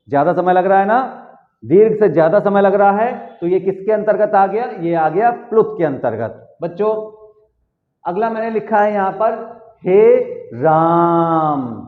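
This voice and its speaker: A man teaching a Hindi lesson to children, stretching out vowels and answering his own questions. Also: high voice. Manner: drawn-out vowels and rhetorical questions he answers himself. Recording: echoey room, phone-like narrow sound.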